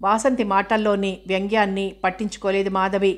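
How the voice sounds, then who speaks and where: A woman narrating a novel in an unhurried, level reading voice. Her pitch barely rises or falls across the sentences. It stays in the middle of a woman's range. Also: little pitch movement.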